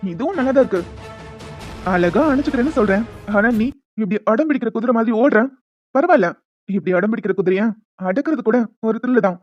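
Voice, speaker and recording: A woman with a fairly high, animated, brisk voice and no room sound voices a smug, scheming young man in a cartoon. The character taunts and teases, over dull lo-fi audio with music behind.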